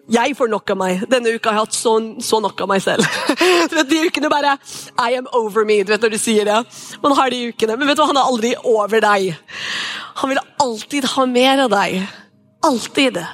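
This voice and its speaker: A woman with a fairly high voice delivers a relaxed, conversational sermon and leads into prayer. She speaks earnestly and encouragingly, addressing her listeners directly. Faint music sits quietly underneath her. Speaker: preacher.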